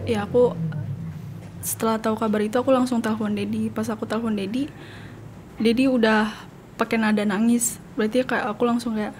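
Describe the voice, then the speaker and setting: A young woman from Indonesia, a guest giving quiet, brief answers in a subdued voice. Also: fairly high pitch, flat delivery, brisk, long pauses, faint music behind.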